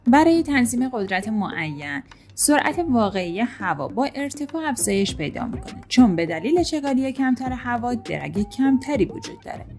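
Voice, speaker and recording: A woman reading a scripted science explainer in an even, read-aloud manner. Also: on the high side, soft background music. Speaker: channel narrator.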